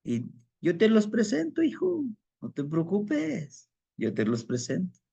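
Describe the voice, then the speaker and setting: A man voicing a gentle, wise elderly grandfather who speaks in a patient, soothing way. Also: high voice, huge pitch swings, measured pace, vocal fry, breathy edge, muffled recording, voice pushed up, heavily acted. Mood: calm, kindly. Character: gentle wise old male village elder.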